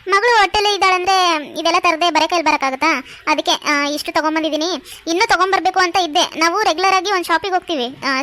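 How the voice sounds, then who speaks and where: A woman's voice: extremely high pitch, sharp tone. A woman voicing a talkative, doting middle-aged aunt who over-explains everything, for a cartoon. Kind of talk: cartoon voice acting.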